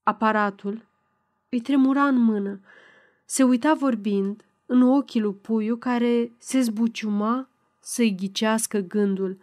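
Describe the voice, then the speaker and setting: A woman reads an audiobook in a steady, measured style. Her voice sits somewhat high and stays even through the narration. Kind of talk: scripted narration.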